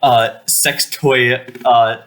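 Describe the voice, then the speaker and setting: Young dude on a movie podcast, bright forceful voice, keeps laughing and saying like. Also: male voice, medium pitch, flat delivery, drawn-out words. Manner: giggly, lots of fillers. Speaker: podcast co-host. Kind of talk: casual movie discussion.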